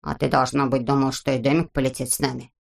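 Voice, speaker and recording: A woman's voice: rumbling low, level tone, fast, vocal fry, pitched below the performer's own voice. A woman voicing a grumpy little man from a storybook, who grumbles and mutters complaints. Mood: grumbling.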